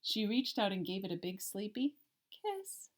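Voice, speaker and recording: An elementary art teacher with a medium-pitched voice reads a children's picture book aloud, telling the story deliberately and expressively and stressing the rhymes.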